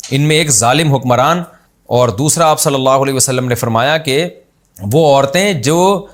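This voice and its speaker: A man giving an informal, scolding religious lecture, often mimicking others in sudden high-pitched quotes. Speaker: Islamic scholar giving a sermon.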